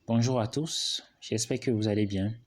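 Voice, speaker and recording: A man hosting a channel, making informal announcements in a hesitant, halting, apologetic way. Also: on the low side, a little mellow. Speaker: channel host.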